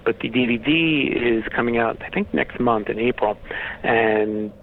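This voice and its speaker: A man's voice: mid-range voice, a little slow. A man speaking casually as an interview guest, explaining things in a matter-of-fact way. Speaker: interview guest, horror host website runner. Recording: tinny phone-like line with faint noise.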